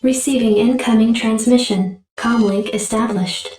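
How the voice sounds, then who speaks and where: A woman's voice: fairly high pitch, fairly even intonation, normal speed, darkish tone, faint music behind. A woman voicing a formal military computer adjutant in a game, clipped and matter-of-fact, with a processed echoing effect. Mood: detached, formal. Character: calm female military computer adjutant, an artificial intelligence. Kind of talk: scripted game briefing. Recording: echoing, distant, slightly noisy processed audio.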